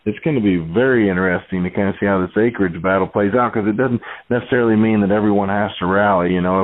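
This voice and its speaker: A man speaking over the phone as a market analyst guest in a casual interview, rambling with plenty of "you know" and "uh". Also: low-pitched. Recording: tinny phone line.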